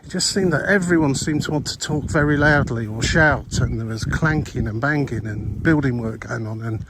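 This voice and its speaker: A man's voice: mid-range voice, normal speed. Older man rambling on a windy coastal walk. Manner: rambling, chatty, many fillers and restarts. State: slightly breathless from walking. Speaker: walking vlogger. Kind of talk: casual walking commentary. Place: outdoors on a clifftop coastal path. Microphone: body-worn mic while walking. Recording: loud outdoor wind and traffic noise. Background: outdoor ambience and passing vehicles.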